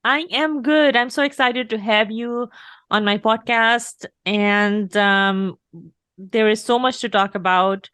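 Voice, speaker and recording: A woman's voice: on the high side, slow, a bit bright, clear, resonant tone, no echo, clean studio sound. A woman hosting a podcast as a career coach, asking questions in an upbeat, encouraging way. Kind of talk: conversational interview.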